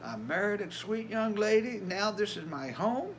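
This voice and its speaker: A man's voice: high-pitched, sing-song, moderate pace, a little hiss or hum. An older man with an Appalachian Tennessee accent, talking casually and plainly to his vlog viewers in a folksy way. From Tennessee, USA. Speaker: vlogger.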